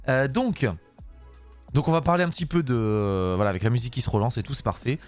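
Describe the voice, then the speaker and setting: A man streaming live, chatting casually with a voice worn out and hoarse, rambling with many fillers and the odd curse. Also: medium pitch, fast, faint music behind. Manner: rambling, swears at his software, frequent fillers and laughs.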